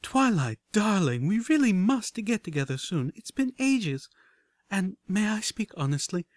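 A man's voice: high voice, very animated, a little slow, no room sound, pitched above the performer's own voice. A man voicing an elegant, fussy adult mare pony with a refined, affected way of talking, heard as a message played back from an old terminal. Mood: gushing. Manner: refined, affected, breezy talk. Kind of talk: audiobook character voice.

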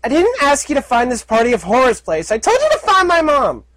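A man voicing a small, frantic young pony filly who calls and pleads in a high, shouting voice. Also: big pitch swings, moderate pace, dry recording, exaggerated voice. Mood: pleading.

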